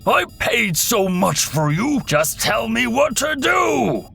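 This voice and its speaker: A man putting on a frazzled military general for a sci-fi audio story, voice pitched very high and swinging wildly, bright and raspy. He stammers and then blows up in exasperation, slow and dragged out. The narrator does the voice himself. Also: very animated, faint music behind, full character voice. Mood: furious. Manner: stammering, then shouting in frustration. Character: flustered blustering male general in a mech cockpit.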